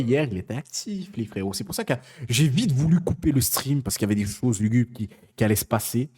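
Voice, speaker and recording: A man's voice: fairly low pitch, darkish tone. A young man streaming live, joking and teasing his chat in casual slang. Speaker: Twitch streamer reading chat.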